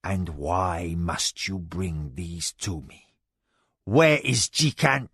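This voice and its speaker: A man voicing a hot-tempered, domineering lord who shouts at his wife, in a raspy, gravelly voice. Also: low voice, lively intonation, drawn-out words, dry recording, studio quality, voice pushed down, heavily acted. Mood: irritated.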